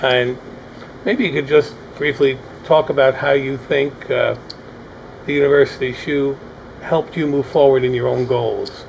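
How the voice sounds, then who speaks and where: Male panel host, gravelly, meandering questions, noisy recording. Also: medium pitch, steady tone, measured pace. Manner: hesitant, rambling questions. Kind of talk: hosting a panel discussion.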